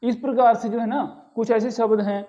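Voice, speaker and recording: Man, grammar teacher, fairly high voice, patient and repetitive, rhetorical questions, lo-fi sound. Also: fairly even intonation, normal speed, dark tone. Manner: patient, repeats key words and asks rhetorical questions. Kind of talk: explanatory lesson.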